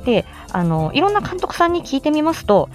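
Over faint background music, a woman with a high, androgynous voice talks a little fast, her pitch swinging widely. Acting as an amateur voice actor, she offers casual, chatty live-stream tips on producing voice samples.

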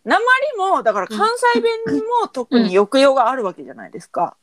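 Lively high-voiced Kansai woman. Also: brisk, very noisy. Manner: thoughtful, searching for words with many fillers. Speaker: podcast co-host. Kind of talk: casual chat.

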